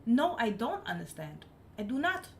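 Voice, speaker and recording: Speaking English as her third language rather than her native tongue, a woman chats casually on a live stream, driving her points home by repeating them. Her voice is on the high side, very animated and a bit bright at a moderate pace, with a little hiss or hum in the audio.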